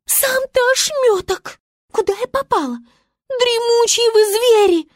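Woman doing a squeaky drama-queen star, bossy and wailing, dry close sound. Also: animated, unhurried, dry recording. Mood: dramatic. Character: dramatic fussy female star, haughty.

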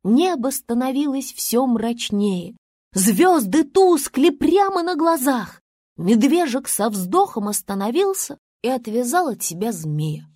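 Woman reading a kids story, high voice, very expressive. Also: slow, no echo, studio quality. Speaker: narrator.

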